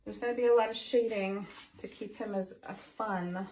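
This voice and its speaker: A middle-aged woman explains her painting project while working in a home art studio, giving a chatty, um-filled tutorial as an art teacher. Her tone is steady, her pitch medium, her pace moderate, and her voice slightly off after recent illness. The overhead phone camera has her off to the side, so she sounds off-mic in an echoey room with background noise.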